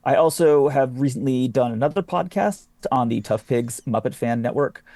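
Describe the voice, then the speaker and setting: Creaky-voiced man guesting on a podcast. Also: mid-range voice, normal speed, mellow, no room sound. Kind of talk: casual chat.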